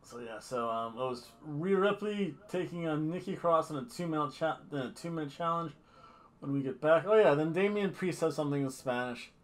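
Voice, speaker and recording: Recorded on a webcam in a small home room, this middle-aged man reviews things with a slightly high voice and a fairly quick pace. He rambles casually, cracks jokes, and drifts into mock accents.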